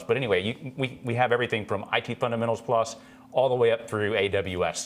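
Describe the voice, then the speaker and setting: A man from the Houston area co-hosting a casual live stream with dry, joking delivery. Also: lowish voice. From Houston, Texas area. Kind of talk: casual livestream chat. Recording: background noise with hum.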